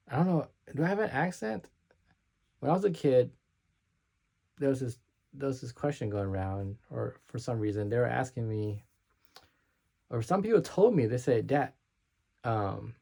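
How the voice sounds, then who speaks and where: A man's voice: mid-range voice, gravelly, warm tone, husky. A man talking unscripted to camera as a vlogger, hesitant and self-conscious, with many restarts and slurred words. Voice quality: slurs his words.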